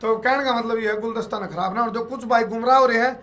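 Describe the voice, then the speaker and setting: A man with a Haryanvi accent and a high voice. He chats casually and jokes, slipping into folksy village anecdotes. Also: fast talker, bright, forceful tone. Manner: joking, tells folksy anecdotes. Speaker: journalist's partner. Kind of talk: casual chat.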